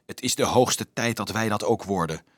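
A man's voice: mid-range voice, very animated, moderate pace, dry recording, studio quality. A man voicing a determined teenage boy who talks in a grim, bitter, clipped way in a storybook reading.

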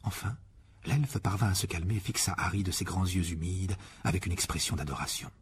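A man reading an audiobook expressively, with a lively delivery that rises in pitch for dialogue. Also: a little fast, a little hiss or hum. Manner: lively, voices Harry with rising pitch in dialogue. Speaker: audiobook narrator.

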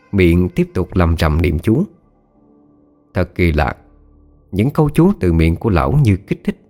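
A man's voice: lowish voice, dark tone. A man giving scripted, dramatic narration of a horror story. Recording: faint background music.

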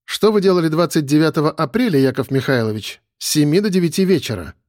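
A male narrator voicing a stern, sarcastic woman police major who talks in brisk, commanding questions. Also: a little high, animated, a little mellow, no echo, studio quality, voice pushed up, natural voice.

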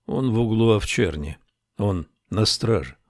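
A kindly country gendarme speaks low and softly, calming and firm, as a male reader plays him. The voice sits deep and the recording is dry and close. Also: measured pace, dry recording. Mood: soothing. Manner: low, soft, soothing.

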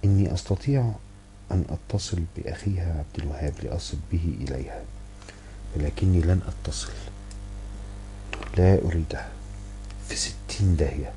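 A man with an Egyptian accent narrates a first-person novel in a measured, storytelling way. His voice sits low and sounds very dark and mellow. A faint background hiss runs under the reading. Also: low-quality recording. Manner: measured storytelling, wry asides. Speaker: audiobook reader.

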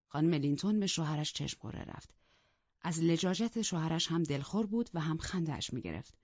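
A woman narrates a classic novel in the first person, measured and steady. Her voice sits low and husky, and the recording is close and dry with a slightly dull, lo-fi sound. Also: no room sound. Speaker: audiobook narrator. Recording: dull, dry lo-fi studio audio.

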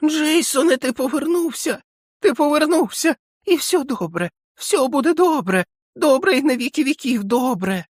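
A shrieking hysterical old keeper. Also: male voice, extremely high pitch, animated, moderate pace, dry recording, clean studio sound, voice pushed up. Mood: ecstatic, sobbing. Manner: shrieking, sobbing, frantic. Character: hysterical trembling old male depot keeper. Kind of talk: audiobook character voice.

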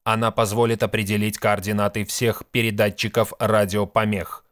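A man reading an audiobook, voicing a ship's computer with a flat, mechanical, measured delivery. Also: on the low side, no echo, clean studio sound, close to an everyday voice. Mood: monotone report.

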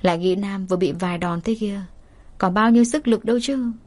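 A woman's voice: mid-range voice, fairly quick, a little mellow. Woman narrating a romance story.

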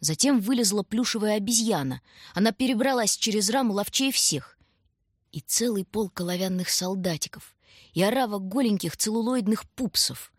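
A woman narrating a children's storybook in a calm, even reading voice, close to the mic. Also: medium pitch, normal speed, husky, dry recording. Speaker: audiobook narrator.

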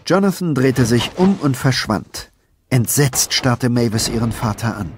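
A man narrating a children's storybook audiobook in an even, lively storytelling tone. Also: mid-range voice, a little slow, slight background noise. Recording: narration over film music.

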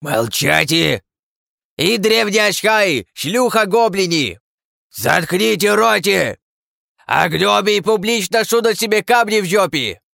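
A man's voice: lively intonation, slow pace, pushed and bright, no room sound, studio quality, heavily acted. A man voicing a pompous male goblin leader who talks in broken, mangled speech, in an audiobook. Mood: furious. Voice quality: shrill, gravelly, mangled grammar.

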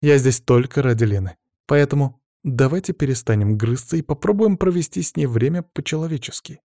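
A man's voice: mid-range voice, animated, a little fast, dark tone, dry recording, clean studio sound, close to an everyday voice. A man reading an audiobook, voicing a tired, hurt middle-aged mother who speaks in a tense, curt way. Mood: firm, weary. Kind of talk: audiobook character voice.

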